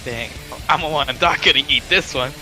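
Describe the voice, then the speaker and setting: A man takes his turn in a tabletop role-play game in a casual, halting way, full of fillers and swearing. His voice is sharp and bright and a little high. Faint music plays behind him. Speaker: player.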